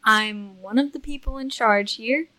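A man's voice: extremely high pitch, a little slow, pushed and bright, heavily acted. A game master voicing an irritated young human man in his twenties who scolds a newcomer with blunt questions. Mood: stern. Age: 20s.

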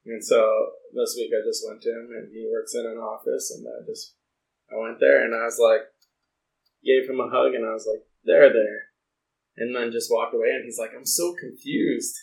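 A man's voice: medium pitch, little pitch movement, fairly quick, creaky. A young man telling stories in a casual podcast chat, full of fillers and acted-out quotes. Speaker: podcast host. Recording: roomy echo.

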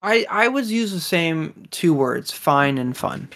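A chatty podcast co-host talks through an episode in a relaxed, enthusiastic way. The voice sits at a middle pitch, with plenty of fillers and restarts. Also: slow pace. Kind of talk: casual chat reviewing a series episode.

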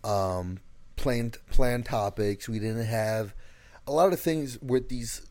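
A man's voice: medium pitch, slow, darkish tone. A man co-hosting a casual podcast, talking loosely and leaning on "like" and other fillers. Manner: loose, filler-heavy, often uses "like". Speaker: podcast co-host. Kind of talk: casual chat.

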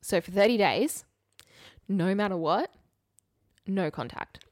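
In an animated, slow delivery at medium pitch, a young woman co-hosts a podcast, swapping stories and casual chat with candid, wry humor. She repeats things to stress them. The sound is clean studio quality without echo.

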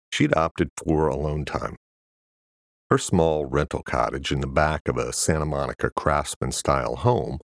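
A man narrating a thriller audiobook in a steady, measured storytelling manner. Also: rumbling low, gravelly, no room sound, studio quality. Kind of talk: scripted narration.

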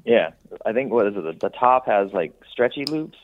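A man's voice: lowish voice, lively intonation, moderate pace, a little hiss or hum. A man in laid-back casual chat, heard over a phone call on speakerphone, a little muffled. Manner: laid-back and easygoing, with fillers. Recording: tinny muffled phone line.

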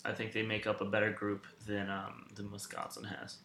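A man hosting a sports podcast in casual chat, halting and often restarting his sentences. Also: on the low side, monotone, sharp tone, a little hiss or hum. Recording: roomy, echoing sound.

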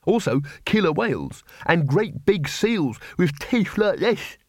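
A man voicing a weary, cowardly male wizard who speaks in a low, glum, sarcastic way. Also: sing-song, takes it slowly, no echo, clean studio sound, full character voice.

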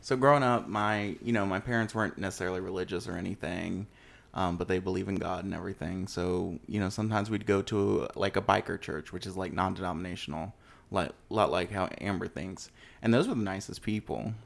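Male co-host, casual chat, low and gravelly, animated. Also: a little fast. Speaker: podcast co-host.

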